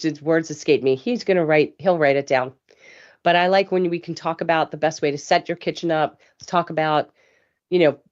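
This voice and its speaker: Woman host, low-pitched, hoarse from a cough, chatty and rambling, dull lo-fi stream audio. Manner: chatty, rambling, laughs easily. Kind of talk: casual live show chat.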